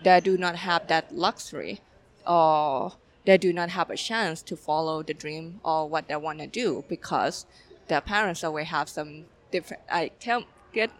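This low-pitched voice belongs to a young film director from Thailand, speaking with a Thai accent. She responds to interview questions casually and haltingly, filling gaps with lots of fillers.

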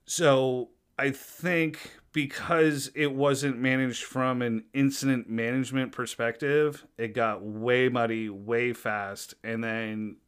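Smooth-voiced rambling paramedic man. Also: mid-range voice, steady tone, slow, few pauses, a bit bright. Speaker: flight paramedic guest. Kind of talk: casual chat.

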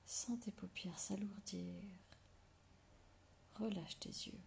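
Close, whispering woman guiding meditation, creaky. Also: mid-range voice, fairly even intonation, slight background noise. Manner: slow, soothing instructions with long pauses. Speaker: guided meditation leader. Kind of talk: soft whispered guided relaxation meditation.

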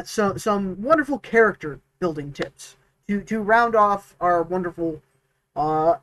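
A man's voice: on the high side, dry recording, poor audio. A man co-hosting a tabletop gaming podcast, chatting casually and rambling with many restarts and fillers. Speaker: podcast co-host, dungeon master. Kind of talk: casual chat.

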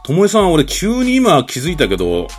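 Fast, animated male podcast host. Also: on the high side, faint music behind. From Kansai region of Japan. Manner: chatty and effusive, quick reactions. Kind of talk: friendly radio interview.

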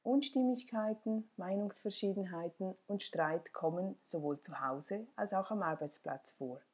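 A woman reading a self-help article aloud as scripted narration, in a calm, direct way that speaks straight to the listener. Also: mid-range voice, unhurried, breathy edge.

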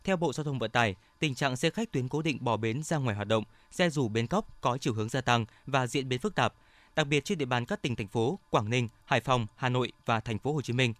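A man reading scripted radio news in a formal, measured announcer style. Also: medium pitch, no room sound.

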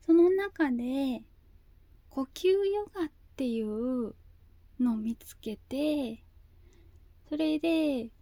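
A woman talking casually and haltingly in a cutesy anime-girl voice, often repeating herself as she searches for words. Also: high-pitched, animated, vocal fry, dark tone, no echo. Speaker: video host. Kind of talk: slow casual monologue.

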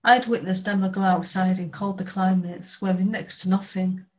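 A woman reading a first-person novel aloud in a steady, measured way. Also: medium pitch, low-quality recording. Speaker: audiobook narrator. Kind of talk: scripted first-person audiobook narration.

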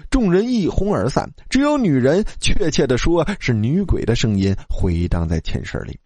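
A man narrating a comic ghost story in a lively, animated storytelling manner. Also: mid-range voice, moderate pace, no echo.

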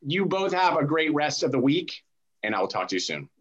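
A man's voice: a little high, sing-song, fairly quick, fairly bright tone, highs cut off, a little hiss or hum. A man hosting an interview, jokey and loose as he wraps up. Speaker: host. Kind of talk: casual interview talk.

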